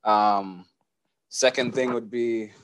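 A young man from Kenya giving a casual, earnest church testimony, relaxed and full of fillers. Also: medium pitch, slow pace, clean tone, no room sound.

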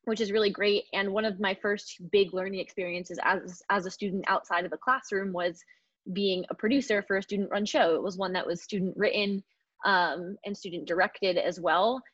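A woman's voice: medium pitch, steady tone, normal speed, a bit bright, slightly rough, muffled recording. A young woman hosting an interview podcast, reading a scripted intro and then asking friendly conversational questions. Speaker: podcast host.

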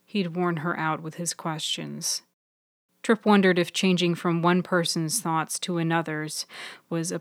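Woman reading her own serial story, lowish voice, steady measured pace, dry close mic. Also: no echo. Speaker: author and narrator. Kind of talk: scripted audiobook narration.

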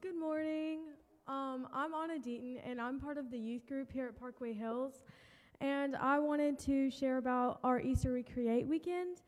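High-voiced young woman speaking in church. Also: measured pace, darkish tone, soft background music. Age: teens to young adult. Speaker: church youth group member giving a testimonial. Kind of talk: prepared short speech to a congregation. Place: large church room. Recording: reverberant church hall.

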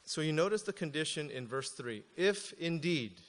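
A man preaching a sermon as pastor, reading scripture aloud slowly and then explaining it with casual asides. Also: on the high side, lively intonation, fairly bright tone, big-room sound.

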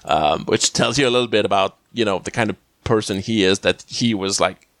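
A man's voice: fairly low pitch, brisk, fairly bright tone, no room sound. Male podcast co-host, casual rambling recap, lots of "uh" and "like", dry close sound. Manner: rambling, many fillers and restarts, frequent laughs.

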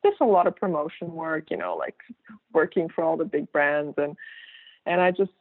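A guest artist, a Kazakh woman in her thirties whose first language is Russian, rambles casually through an interview, full of fillers and restarts and quick to laugh. Her deep, slightly rough voice keeps a moderate pace, heard over a tinny phone-like connection without echo.

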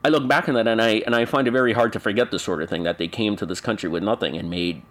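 A man's voice: fairly low pitch, rapid-fire. A man in his forties from Canada, speaking as an interview guest in a thoughtful, hesitant way with many restarts and fillers. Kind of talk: reflective conversational interview.

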